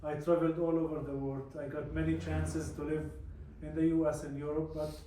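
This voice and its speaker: A Palestinian man in his forties from the West Bank, a native Arabic speaker with an Arabic accent, gives an informal personal talk on behalf of a peace organisation. His voice is on the high side and warm but flat, and he speaks haltingly, often repeating words and adding "you know." The recording comes from a very echoey room with a distant mic and faint noise.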